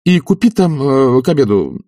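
A man's voice: medium pitch, big pitch swings, normal speed, mellow, no room sound, clean studio sound, pitched above the performer's own voice. A man voicing an agitated, anxious idle nobleman who pleads and insists in an audiobook. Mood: urgent. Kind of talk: audiobook character reading.

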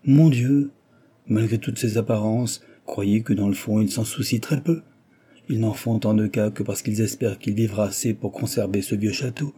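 A man reading an audiobook voices a giddy, mocking young noblewoman who gossips in a lively, teasing way. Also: lowish voice, breathy edge. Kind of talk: audiobook reading of a classic novel.

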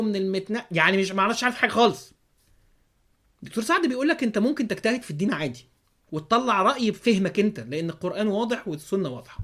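Man, Egyptian accent, podcast host, rapid speech, sarcastic, keeps asking rhetorical questions. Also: sits high, a bit bright. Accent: Egyptian Arabic. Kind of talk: religious commentary monologue.

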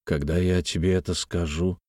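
A man voicing a shy, embarrassed young man in a story, giving quiet, hesitant replies. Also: low-pitched, little pitch movement, normal speed, dry recording, studio quality, voice pushed down, lightly acted.

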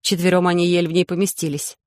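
An audiobook narrator reading a children's adventure story in a steady, measured way. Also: medium pitch, dry recording, clean studio sound. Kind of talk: scripted narration.

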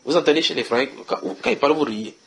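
A man's voice: a little high, animated, quick pace, vocal fry, crowd noise. A man preaching at a house church, reading Bible verses and questioning his listeners in a conversational way.

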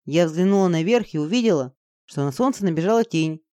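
Mid-pitched audiobook narrator, dry sound. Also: expressive, a little fast, darkish tone, dry recording.

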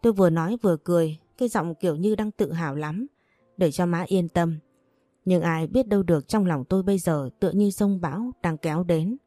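A woman narrating a first-person story in a gentle, measured way. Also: lowish voice, no echo.

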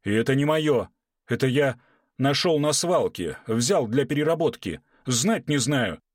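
A man voicing a frantic middle-aged male house manager who keeps denying everything in a shrill, indignant voice. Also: expressive, measured pace, dry recording, studio quality.

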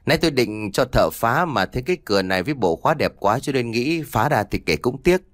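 A practical middle-aged mother, caring but brisk, as a male narrator reads her. The lines come out lively in pitch and plain in manner. The sound is close and dry. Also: no echo, close to an everyday voice. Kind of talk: audiobook dialogue reading.

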